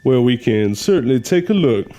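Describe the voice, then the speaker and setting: Music runs beneath a male actor voicing a folksy Southern mortician who is also a spirit medium in an audio drama. He has a mellow, natural, medium-pitched voice with a sing-song lilt, and his manner is polite and hesitant, stretching out his phrases.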